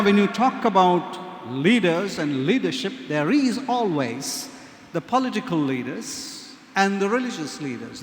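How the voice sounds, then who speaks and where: A man, a priest reading the gospel and preaching in slow, measured, solemn phrases, his voice ringing in a cathedral echo. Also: high-pitched, a bit bright, slight background noise. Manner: slow, measured, solemn delivery with emphatic pauses. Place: large church. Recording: long echoey reverb of a large church.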